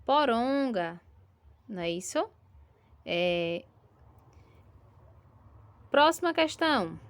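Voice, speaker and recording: Woman, Brazilian Portuguese accent, schoolteacher, recorded lesson, patient, slow drawn-out syllables, mid pitch. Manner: patient, drawn-out syllables, frequent tag questions. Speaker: primary school teacher.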